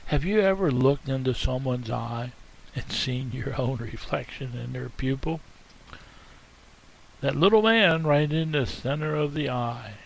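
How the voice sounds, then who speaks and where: A man preaching a sermon as a pastor, speaking earnestly in short, measured phrases. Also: medium pitch, gravelly, a little hiss or hum.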